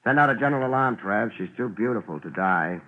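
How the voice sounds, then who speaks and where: In a hard-boiled radio drama, a male actor plays a wisecracking, world-weary private investigator, both narrating and trading lines. His lowish voice moves fast in a dry, laid-back deadpan with a wry mood. The 1950s broadcast sounds muffled and noisy.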